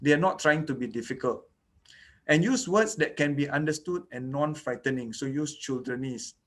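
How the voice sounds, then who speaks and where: Speaking at a moderate pace in a voice on the high side, this man, whose first language is Malay, lectures online about dental care for children. The indoor recording has him explaining each step, with "okay" and "you know" coming up often.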